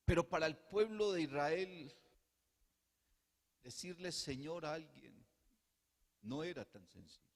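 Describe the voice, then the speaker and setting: Male pastor, fervent sermon delivery, slightly high voice, slow deliberate pacing, long hall echo. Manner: swings from soft hushed passages to loud fervent preaching; rhetorical repetition and calls of "hermano".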